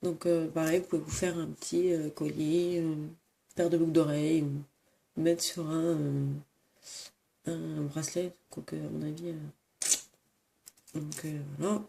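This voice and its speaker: A woman's voice: low-pitched, little pitch movement, measured pace, vocal fry, pauses often, mellow. A sick, sniffling woman in a room at home, casually showing craft supplies with many hesitant fillers and self-corrections. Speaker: crafts vlogger. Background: crinkling plastic bags.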